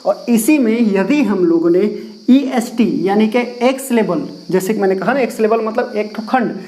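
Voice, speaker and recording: A man's voice: high-pitched, moderate pace, darkish tone, low-quality recording. A man teaching English grammar to a class, asking questions and repeating the key words as he explains. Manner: writes and erases on a board while explaining. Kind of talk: classroom lesson explained in Hindi.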